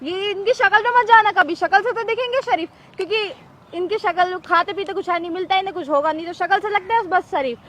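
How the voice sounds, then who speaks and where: A woman's voice: very high voice, fairly quick, background noise. A young woman in a staged street skit, talking in a haughty, scolding way and raising her voice, outdoors on a city street. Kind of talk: scripted street confrontation skit.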